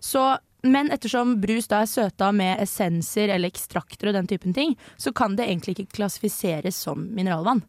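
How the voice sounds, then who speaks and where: A woman's voice: mid-range voice, hardly any pauses, no room sound. A young woman from Norway co-hosting a student radio talk show in a studio, explaining things in a chatty way with hesitations and self-corrections. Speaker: co-host presenting research. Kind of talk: casual radio chat.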